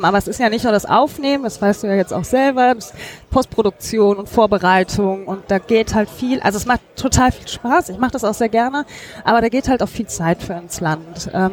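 A woman podcaster talking casually in an interview, thinking aloud with many fillers. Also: mid-range voice. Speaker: podcaster, guest. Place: busy hacker congress hall.

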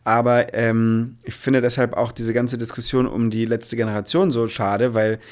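A man's voice: mid-range voice, little pitch movement, moderate pace. A man answering as an interview guest in a casual, earnest and reflective way, often searching for his words.

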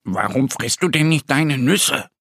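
A man's voice: mid-range voice, expressive, measured pace, vocal fry, fairly bright tone, no echo, studio quality, full character voice. A man voicing a curious, friendly little bear cub who asks questions in a children's audio story. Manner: curious, asking.

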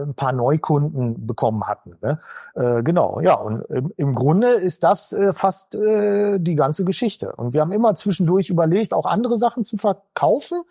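A man's voice: fairly high pitch, dark tone, no echo, studio quality. A man talking casually as an interview guest from his shop, rambling with lots of filler sounds. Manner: rambling, many filler sounds, acts out quoted voices. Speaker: entrepreneur guest.

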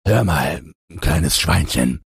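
A man voicing a sly, scheming big bad wolf in a storybook reading, with a deep, gravelly, husky voice and slow, drawn-out, coaxing speech. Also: animated, dry recording, clean studio sound, heavily acted.

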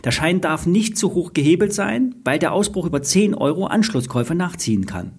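A man's voice: fairly high pitch, expressive, brisk, darkish tone, slightly rough. A man presenting scripted market commentary as host of a financial podcast.

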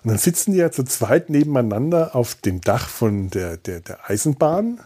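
This podcast host rambles casually through a solo monologue from a sofa indoors, hesitating and thinking out loud in a wry, self-deprecating way. He speaks at a moderate pace in a medium-pitched voice that is mellow, slightly rough, and marked by big pitch swings.

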